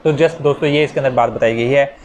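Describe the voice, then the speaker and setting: A man with a Pakistani accent delivers an informal, step-by-step law lecture, repeating key phrases, mixing in English legal terms, and working through examples. His mid-range voice is brisk with a darkish tone, and the rough recording carries slight background noise.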